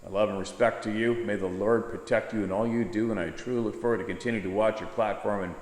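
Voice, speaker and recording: Guy with a lowish voice reading out listener stories for his show, really echoey room. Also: steady tone, quick pace, darkish tone. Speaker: host of a Bigfoot sightings show. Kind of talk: reading a listener's email aloud, informal storytelling. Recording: echoey room with long reverb.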